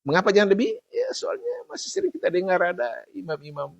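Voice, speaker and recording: A man teaching Quran recitation, chanting verses slowly and patiently repeating each sound to correct common mistakes. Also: high voice, huge pitch swings, vocal fry, slightly rough, no room sound, lo-fi sound.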